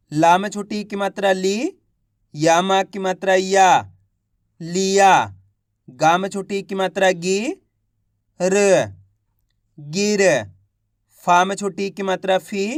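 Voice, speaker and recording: A man's voice: sits high, a bit bright, no echo, studio quality. A man teaching beginners to read, patiently repeating and sounding out each syllable in a step-by-step lesson. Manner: patient, repetitive, syllable-by-syllable drilling. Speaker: Hindi reading teacher.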